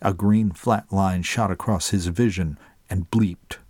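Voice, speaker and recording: A man narrating a story as an audiobook in a measured way, slowing down for dramatic moments. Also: sits low, fairly even intonation, darkish tone, no echo, studio quality.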